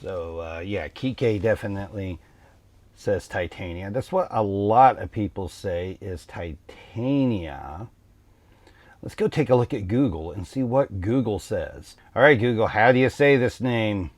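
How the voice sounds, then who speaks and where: A man hosting a tabletop game channel, talking through a topic in a relaxed, thoughtful way with frequent ums and uhs. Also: fairly low pitch, moderate pace, no echo. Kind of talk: casual explainer talk.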